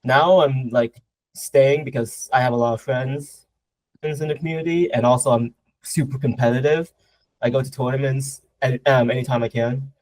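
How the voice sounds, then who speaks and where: A man's voice: medium pitch, fairly even intonation, moderate pace, no echo, low-quality recording. A young man from Southern Vietnam, answering interview questions casually, with a lot of hesitation, fillers and restarts. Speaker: guest martial artist.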